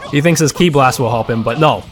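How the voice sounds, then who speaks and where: A man's voice: medium pitch, brisk. Guy casually talking over his game footage, lots of uh and restarts, faint music behind. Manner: rambling, many fillers and restarts. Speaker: gaming content creator. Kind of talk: casual gameplay commentary.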